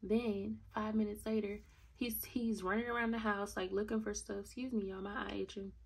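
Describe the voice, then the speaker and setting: A woman's voice: mid-range voice, little pitch movement, moderate pace, gravelly, darkish tone, breathy edge. A young woman telling a storytime vlog, blunt and indignant, talking straight to her viewers. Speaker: vlogger.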